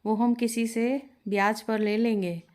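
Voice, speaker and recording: A woman's voice: a little high, steady tone, a little slow, a little mellow, natural voice. A woman voicing a scheming, gleeful older man who gloats over a rival's trouble. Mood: gloating. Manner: gloating, boastful.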